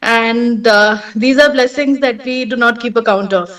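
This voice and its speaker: A young woman from India with an Indian accent, presenting her startup earnestly and warmly over a remote link. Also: on the high side, moderate pace, recorded from a distance. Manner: earnest, heartfelt. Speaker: startup co-founder.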